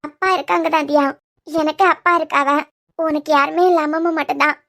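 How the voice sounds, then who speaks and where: Cartoon role: weary young working woman, voiced by a woman, Kanyakumari Tamil accent, very high, fast, troubled. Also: steady tone, gravelly, fairly bright tone. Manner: troubled, pleading. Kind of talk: cartoon web series voice acting.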